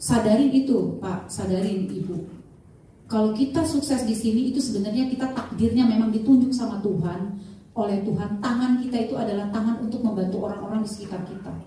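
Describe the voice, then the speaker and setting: A middle-aged woman, giving an animated sales training talk and acting out the people she quotes. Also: medium pitch, a little fast. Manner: animated, switches voices to act out quoted people. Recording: very echoey room, voice from far off the mic.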